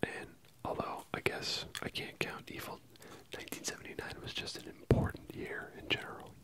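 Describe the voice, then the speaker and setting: Someone whispering softly and closely from ear to ear, giving a casual ASMR film review with hesitant pauses. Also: rough recording. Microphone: close stereo microphone, ear-to-ear panning.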